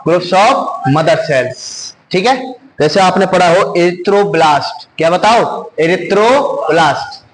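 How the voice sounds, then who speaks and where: A man's voice: high-pitched, slow pace, rough recording. A male science teacher running call-and-response drills in a classroom, asking the same questions over and over until the class answers. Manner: drills terms with repeated questions.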